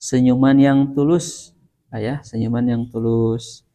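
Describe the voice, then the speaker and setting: A middle-aged man with a Sundanese accent preaches in a relaxed, conversational way. He recites Arabic phrases slowly, then explains them with light chuckles. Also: medium pitch. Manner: mixes Arabic recitation with Indonesian, chuckles often. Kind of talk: sermon.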